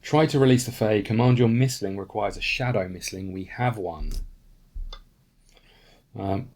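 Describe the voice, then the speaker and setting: Low male voice, relaxed host of a solo board game playthrough who reads the rules and thinks aloud. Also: a little slow, a little hiss or hum. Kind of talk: casual tabletop playthrough.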